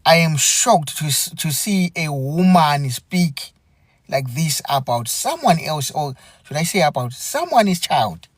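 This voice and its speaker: A man hosts a live stream in a slightly raised voice. He talks very slowly, in an earnest, halting way, often circling back over his own words. The sound is dry, with no room echo. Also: a little high, sing-song. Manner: halting, earnest, repeats himself. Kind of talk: unscripted live commentary.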